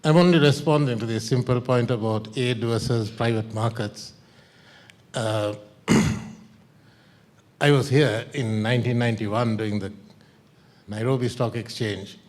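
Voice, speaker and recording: A man's voice: medium pitch, measured pace, long pauses, darkish tone. A man from Sri Lanka, a consultant making a frank, wry comment from the conference floor. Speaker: consultant in the audience.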